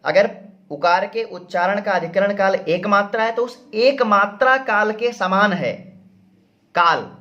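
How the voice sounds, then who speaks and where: A man with a fairly high voice explains grammar rules at a slow, patient pace. He keeps repeating each term and poses questions only to answer them himself. The recording sounds a little dull and lo-fi. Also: sharp tone. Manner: repeats terms slowly, asks and answers his own questions. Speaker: Sanskrit grammar teacher.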